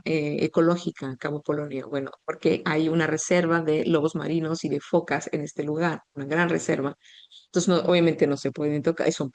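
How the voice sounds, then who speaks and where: A woman teacher calmly walking through a conversation lesson, reading example phrases slowly and explaining them. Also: sits low. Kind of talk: explaining class materials.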